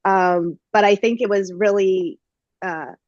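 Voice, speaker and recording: A woman's voice: medium pitch, takes it slowly, a little mellow, no echo, muffled recording. Chatty woman podcast host. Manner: chatty, many fillers and "like". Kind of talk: casual conversational storytelling.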